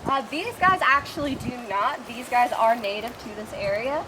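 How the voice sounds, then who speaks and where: A woman's voice: a little high, animated, moderate pace. A cheery, enthusiastic woman working as a zookeeper, explaining things casually to visitors. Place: outdoors at an animal habitat. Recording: clear outdoor ambient noise.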